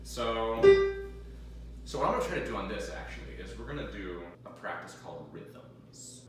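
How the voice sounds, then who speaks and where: A man's voice: lowish voice, lively intonation, normal speed, far from the mic. A young man who plays the organ, chatting casually while he practices, swearing now and then and humming along to the music. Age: young adult. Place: large echoey room with an organ. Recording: very echoey, from off-mic, organ behind.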